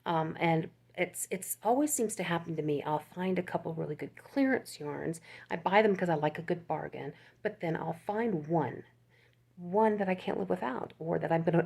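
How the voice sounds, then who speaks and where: An older woman presents her crochet on YouTube in a relaxed, chatty ramble, laughing and starting over as she goes. She speaks fairly quickly in a lowish, creaky voice that is warm with a breathy edge.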